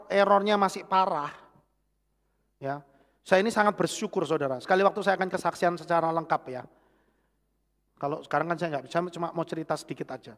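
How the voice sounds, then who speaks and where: A middle-aged man with a Javanese accent preaching a sermon with personal testimony, animated, swinging from loud exclamations to hushed asides. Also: high-pitched, vocal fry. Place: church hall. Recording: long church hall reverb.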